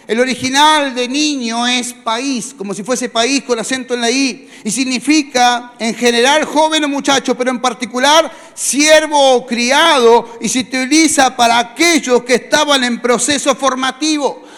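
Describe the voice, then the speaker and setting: Rioplatense pastor guy preaching, really high voice, lots of "eh" and asking the crowd stuff, long echo from a big hall. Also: a bit bright. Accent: Rioplatense Spanish. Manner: conversational preaching with rhetorical questions and fillers. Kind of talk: sermon. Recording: long reverb of a large hall.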